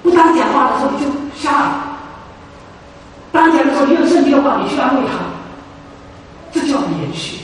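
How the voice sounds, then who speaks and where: A man's voice: extremely high pitch, fairly quick, long pauses, a little hiss or hum. A man preaching a sermon, emphatic, repeating phrases for stress. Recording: echoey hall, voice from far off.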